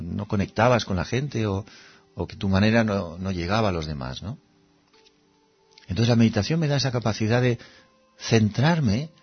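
Husky-voiced man from teaching meditation. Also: medium pitch, muffled recording. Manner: conversational, asks rhetorical questions, acts out little scenes. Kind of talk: reflective spiritual talk.

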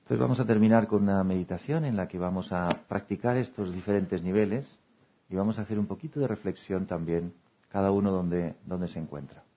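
Male meditation teacher, husky and low-pitched, gentle, dull lo-fi sound. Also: a little fast. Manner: gentle, acts out everyday voices with laughter. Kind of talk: talk then guided meditation.

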